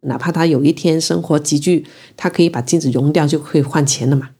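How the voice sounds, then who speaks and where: Mellow low-voiced woman. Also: fairly even intonation, husky. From Guangzhou, China. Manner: reflective, unhurried and emotional in recounting. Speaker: interviewee telling her own story. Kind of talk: personal storytelling.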